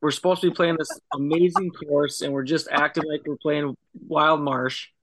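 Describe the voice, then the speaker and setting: A man's voice: on the high side, steady tone, normal speed, fairly bright tone, husky, dry recording. A man co-hosting a casual golf podcast, defending himself and explaining his play. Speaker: podcast co-host. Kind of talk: casual chat.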